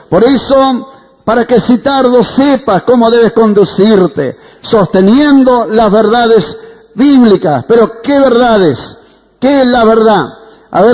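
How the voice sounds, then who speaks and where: A man's voice: very high-pitched, darkish tone. A man preaching a sermon as pastor, fervent and calling the congregation to say amen. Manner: preaching fervently, asks for amens. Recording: reverberant hall.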